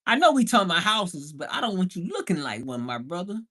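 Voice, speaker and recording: This Bahamian man, who flips houses and hosts livestreams, speaks quickly in a high, very animated voice with a sharp tone. His casual chatter is full of slang, playfulness and emphatic exclamations.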